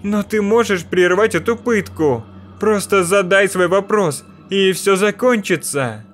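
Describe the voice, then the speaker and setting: Male narrator plays a cruel female mirror spirit in a horror audiobook, raised pitch, slow and threatening. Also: faint music behind. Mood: menacing. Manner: slow, loud and menacing.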